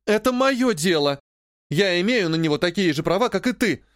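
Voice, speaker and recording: A man's voice: high-pitched, lively intonation, moderate pace, no room sound, studio quality, voice pushed up. Yulianna, a whiny spoiled noblewoman voiced by a man. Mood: stubborn. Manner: whiny, petulant, sobbing. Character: capricious spoiled young noblewoman, whiny sister.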